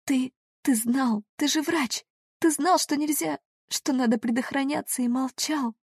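A woman voicing a heartbroken young woman who pleads in a high, tearful voice. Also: unhurried, no room sound, studio quality. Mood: pleading.

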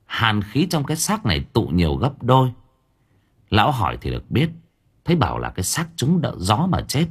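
A man narrating an audiobook story, with lively storytelling rises and falls. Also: lowish voice, slightly rough. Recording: narration over faint background music.

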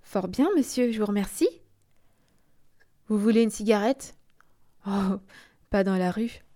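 A woman reading aloud and voicing a carefree young working girl who is light, quick and teasing. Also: medium pitch, warm tone, close to an everyday voice.

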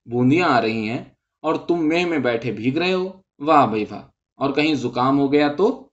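A man's voice: medium pitch, expressive, natural voice. A man voicing an affectionate middle-aged mother who coaxes her son indoors, in a dull lo-fi recording. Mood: fond coaxing. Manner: affectionate, coaxing.

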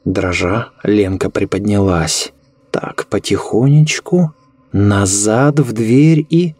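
Low-voiced man narrating horror. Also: darkish tone, husky, no echo. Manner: measured, ominous storytelling.

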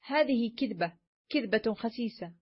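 A woman's voice: fairly high pitch, animated, normal speed, breathy edge. A woman reading the lines of a greedy, fearful old miser uncle in a storybook, curt and grudging, on a dull lo-fi recording.

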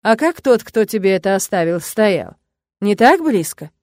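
A woman reading the lines of a domineering, jealous male boss in a curt, commanding tone, low and measured. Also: sing-song, a little mellow, no echo, studio quality, lightly acted. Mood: cold menace.

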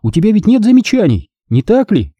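A man's voice: high-pitched, big pitch swings, dark tone, husky, no echo, voice pushed up, full character voice. Man voicing a fiery teenage girl apprentice. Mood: teasing. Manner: indignant, quick to argue. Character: hot-tempered teenage girl Jedi apprentice. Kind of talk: audiobook character voice.

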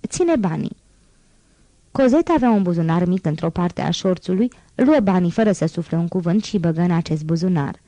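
A woman reading a classic novel aloud as an audiobook, in a calm, measured storytelling manner. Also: fairly low pitch, dry recording. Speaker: audiobook reader.

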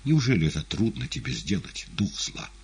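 A man's voice: fairly low pitch, big pitch swings, moderate pace, creaky, breathy edge, pitched above the performer's own voice, exaggerated voice. A man voicing an earnest male disciple in an audiobook, speaking bitterly and sadly, then pleading. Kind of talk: audiobook character reading.

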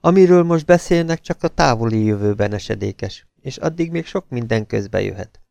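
A man reading a novel aloud as an audiobook narrator, in a steady, measured way. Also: mid-range voice, creaky, no room sound.

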